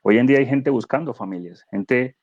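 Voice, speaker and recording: A man speaking as a guest neuro-coach in a conversational webinar, animated and explanatory, asking rhetorical questions. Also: medium pitch, a little fast, husky, no echo, dull audio.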